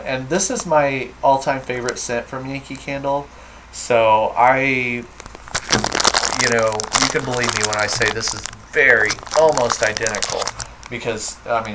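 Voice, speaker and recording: A man talks in a chatty, enthusiastic way, piling up fillers as he rambles on. His voice sits at a middling pitch. It sounds like a camera mic in a home room, with a faint hum in the background. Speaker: vlogger. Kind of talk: casual chat.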